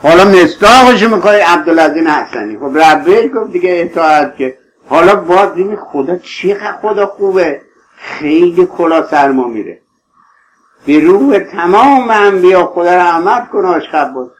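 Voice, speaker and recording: Man, high-pitched, preaching, impassioned, pleading, tender toward listeners. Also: expressive, a little hiss or hum, low-quality recording. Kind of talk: sermon.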